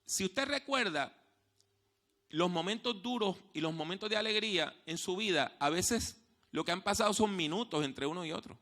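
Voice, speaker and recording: A male pastor delivers a sermon in a high, piercingly bright voice. He moves between soft, hushed moments and loud, raised passages. He slows down to repeat his main points with weight. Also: expressive. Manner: storytelling preacher, swings from hushed to loud; repeats key phrases slowly for emphasis. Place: church.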